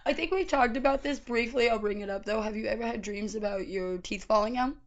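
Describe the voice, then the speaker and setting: A woman's voice: a little high, a little fast. A woman chatting casually and conversationally as the co-host of a show. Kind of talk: casual chat.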